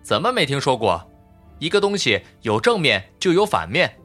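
A smug male robot constructor in an audiobook, voiced by a man. He lectures with a needling edge in a bright, lively voice pitched a little high, with faint music behind. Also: moderate pace, heavily acted. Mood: scoffing. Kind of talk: audiobook character voice.

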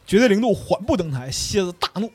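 A man's voice: sits high, big pitch swings, fast, darkish tone, slightly rough, no echo, soft background music. A man hosting a podcast, telling a story in a traditional storyteller cadence with playful slang asides. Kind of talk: comic storyteller narration.

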